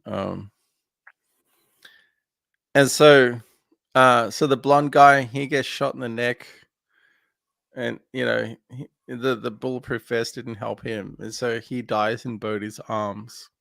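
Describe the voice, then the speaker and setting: A man's voice: mid-range voice, fairly even intonation, slow, gravelly, pauses often, a bit bright, no echo. A man co-hosting a casual film podcast, recapping scenes in a rambling way with lots of fillers. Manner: rambling recap with many fillers, laughs easily. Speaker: podcast co-host.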